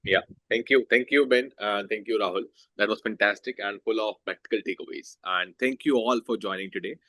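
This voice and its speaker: Man, low pitch, bright tone, dry sound, polite webinar moderator, video call. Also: a little fast, no room sound, low-quality recording. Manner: polite, thankful, light fillers. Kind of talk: polite closing remarks.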